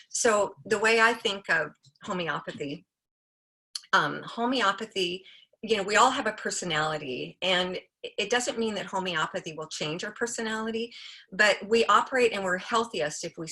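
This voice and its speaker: Bright-voiced woman in her sixties. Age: 60s. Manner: chatty, animated, acts out quotes with raised pitch. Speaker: homeopathic practitioner and book coauthor. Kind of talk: casual storytelling talk.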